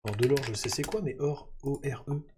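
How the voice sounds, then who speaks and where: A man's voice: medium pitch, brisk, a little mellow, slight background noise. A man chatting casually through gameplay, thinking aloud with lots of fillers. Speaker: gaming YouTuber.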